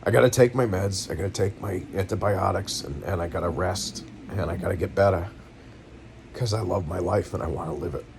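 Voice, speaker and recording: A middle-aged man with a New England accent and a low, deep voice talks through his feelings, weary and near tears. His speech is halting and rambling, full of restarts, earnest throughout. A faint hum of noise sits underneath. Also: creaky. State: weary and in pain, close to tears. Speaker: vlogger. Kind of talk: emotional personal venting. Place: at home, seated.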